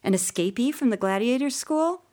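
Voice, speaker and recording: A woman reading an audiobook, voicing a sharp-tongued, bossy young sister with a cross, sarcastic manner. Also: fairly high pitch, lively intonation, normal speed, pitched above the performer's own voice, close to an everyday voice.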